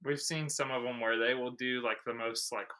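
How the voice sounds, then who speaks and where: A man's voice: moderate pace, poor audio. A young man cohosting a podcast, chatting casually and animatedly with friends. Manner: animated, jumps into high mock voices while laughing. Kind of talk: casual chat.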